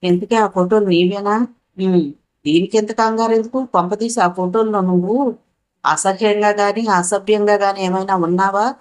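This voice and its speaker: A woman's voice: mid-range voice, steady tone, normal speed, close to an everyday voice. A woman voicing a playful young man in a spoken story, teasing and coaxing.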